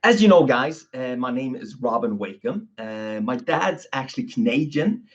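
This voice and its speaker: A Swedish physiotherapist hosts his own podcast, talking casually and often ending lines with "okay?" and "you know." His mid-range voice is sing-song at a normal pace, and the recording is dull and lo-fi.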